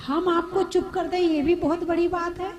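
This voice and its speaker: A woman's voice: very high voice, fairly even intonation, normal speed. A woman preacher giving a sermon to a seated audience, repeating her points and asking listeners questions. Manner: repetitive, asks the audience questions. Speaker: Jain preacher. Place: live gathering with seated audience.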